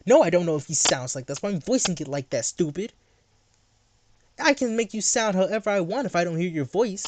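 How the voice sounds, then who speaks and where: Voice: mid-range voice, animated, fairly quick, a little hiss or hum. A livestreamer ranting late at night in a heated, sarcastic way, mocking someone in chat.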